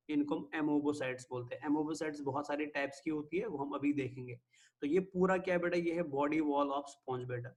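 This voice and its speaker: A man with an Indian accent giving a biology lecture, who keeps asking his students questions, answers them himself and slows down on English definitions. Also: on the high side. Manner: mixes Hindi with English terms, slows on definitions. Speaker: biology teacher. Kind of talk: classroom lecture.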